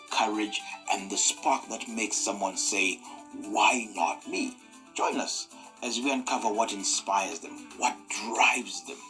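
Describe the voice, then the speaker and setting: Brief: male promo announcer, crisp and forceful, scripted intro, soft music bed. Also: fairly low pitch, rough recording. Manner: polished, emphatic delivery. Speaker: show announcer.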